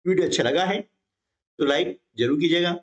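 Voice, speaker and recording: Man, grammar teacher, fairly high voice, explanatory, checks in often. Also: a little fast, dull audio. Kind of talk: exam-prep grammar lesson.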